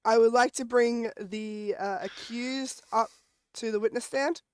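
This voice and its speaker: A woman's voice: on the high side, steady tone, unhurried, no echo. A woman playing prosecutor in a game role-play, hesitant and often stumbling over her words. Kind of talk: playful role-play chat.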